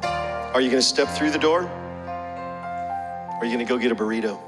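A man's voice: medium pitch, moderate pace, big-room sound, over loud music. A male pastor preaching a sermon, telling a story and then pressing the congregation with repeated questions.

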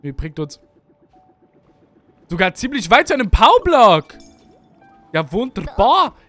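This young let's play streamer speaks Berlin-accented German in a high, sing-song, fairly bright voice at a measured pace, in a dry recording with faint music behind. Chatty and self-mocking, he rambles through casual gameplay commentary from his indoor home setup, using headphones and a studio mic on an arm.

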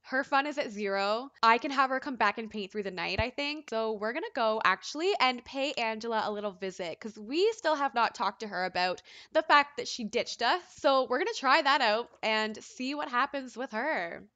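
A young woman gives lively, chatty commentary over her gameplay, playing up the drama. Her voice is bright and a touch high. The recording is dry and slightly muffled. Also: normal speed, hardly any pauses, no room sound. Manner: chatty, dramatic, voices the game characters' lines. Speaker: let's play host.

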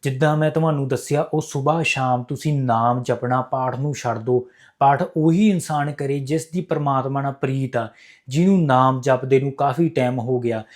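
This is earnest instructional talk to camera from a man with a Punjabi accent, speaking in a mid-range voice at a moderate pace. He preaches spiritual advice to his viewers, returning to key phrases again and again.

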